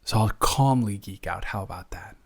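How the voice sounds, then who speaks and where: Speaking with a gravelly, lower-pitched voice, a young man portrays a flustered, devoted roommate in an intimate, improvised audio roleplay. He comes across calm and chatty, rambling and halting while teasing affectionately.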